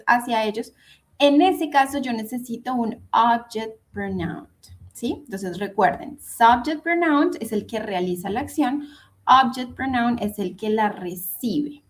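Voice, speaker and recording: A woman giving an online English grammar lesson, patiently repeating and spelling out each example. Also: a little high. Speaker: English teacher.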